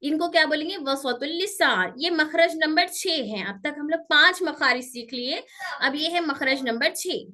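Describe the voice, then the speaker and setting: A woman teaching pronunciation to children, explaining slowly and drilling sounds by repeating them, strict when pupils misbehave. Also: high-pitched, pushed and bright. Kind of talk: online Quran pronunciation lesson.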